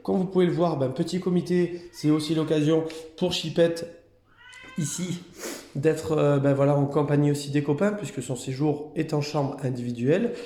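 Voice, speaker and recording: A man's voice: steady tone, normal speed, dark tone, roomy sound. A man who runs a cat hotel, chatting casually through a vlog and now and then cooing at the cats. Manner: chatty, talks baby-talk to the cats in a higher voice.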